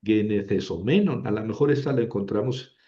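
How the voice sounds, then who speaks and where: A man teaching an Ancient Greek grammar lesson, slowly and patiently repeating each form and checking in with his listeners. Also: fairly low pitch, warm tone, highs cut off.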